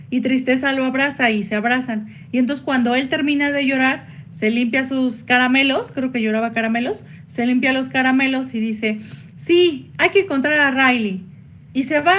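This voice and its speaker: A woman psychologist giving a workshop online, chatty, with sudden high jumps when she acts out quoted voices. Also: a bit bright, a little hiss or hum.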